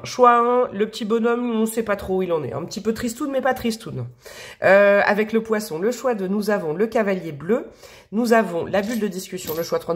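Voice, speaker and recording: A woman reads tarot to her viewers in a loose, chatty way. She is affectionate and rambling, full of fillers and little asides. Her voice is mid-pitched and a bit sniffly from allergies. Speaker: tarot reader. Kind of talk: casual tarot reading to camera.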